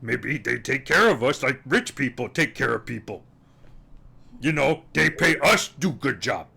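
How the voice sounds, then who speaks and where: A man's voice: mid-range voice, animated, measured pace, vocal fry, bright, forceful tone, breathy edge, full character voice. A man voicing a blunt male warrior who speaks in clipped, broken English. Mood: musing.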